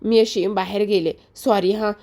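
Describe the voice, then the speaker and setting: A woman's voice: mid-range voice, fairly even intonation, moderate pace, warm tone, close to an everyday voice. Woman doing a meek, apologetic young wife. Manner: hesitant, apologetic.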